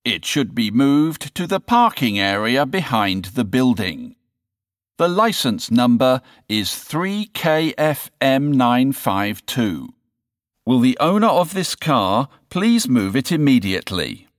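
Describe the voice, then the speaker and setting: A man delivers a supermarket-style public announcement in a formal, measured way and spells out each letter and number with care. His pace is unhurried and his pitch rises and falls expressively. The recording is dry, close and free of room echo. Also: sing-song. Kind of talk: store public-address announcement, read for a listening test.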